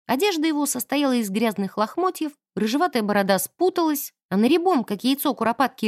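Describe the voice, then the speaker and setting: Brief: expressive woman narrator, animated and fairly high voice, dry close studio sound. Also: no echo. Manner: vivid, animated storytelling. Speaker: audiobook narrator.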